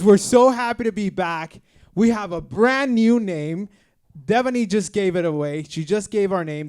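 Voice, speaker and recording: A man's voice: high voice, clear, resonant tone. Chatty young male podcast host. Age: 20s. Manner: upbeat, chatty, uses filler "like". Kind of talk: casual chat.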